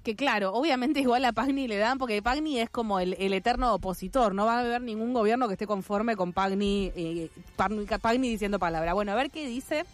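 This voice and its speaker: A woman's voice: fairly high pitch, soft background music. A woman with an Argentine accent hosting a radio show, chatting casually and irreverently. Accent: Argentine Spanish. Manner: chatty, irreverent, quick asides. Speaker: radio host.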